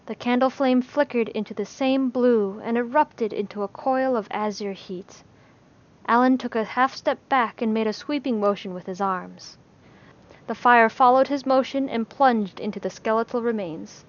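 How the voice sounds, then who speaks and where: Female narrator for a fantasy audiobook, measured delivery, somewhat high voice, dull lo-fi sound. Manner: measured, steady storytelling. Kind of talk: scripted narration of a fantasy story. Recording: slightly dull lo-fi recording.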